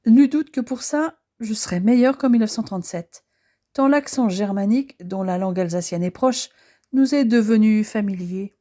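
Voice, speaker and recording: A woman reads a first-person historical novel aloud. Her voice is mellow and darkish, her pitch is middling, and she keeps a calm, steady storytelling pace. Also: moderate pace. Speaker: audiobook narrator. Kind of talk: first-person audiobook narration.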